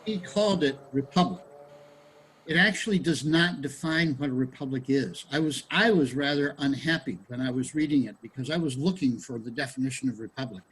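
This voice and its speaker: A man's voice: medium pitch, a little hiss or hum, poor audio. A man leading a casual study group discussion on a video call, rambling with many restarts and fillers.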